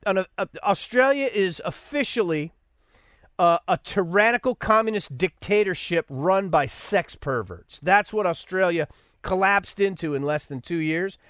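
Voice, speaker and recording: A man's voice: high voice, a bit bright, clear, resonant tone, no room sound, studio quality. A man hosting a podcast, delivering a sarcastic, rambling commentary monologue with stammered restarts. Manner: sarcastic, mocking. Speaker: podcast host.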